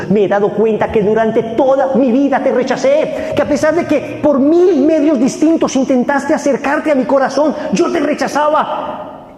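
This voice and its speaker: A man voicing an anguished, guilty sinner who pleads before God and cries out in a high, strained voice. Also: a little mellow. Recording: echoey hall, long reverb.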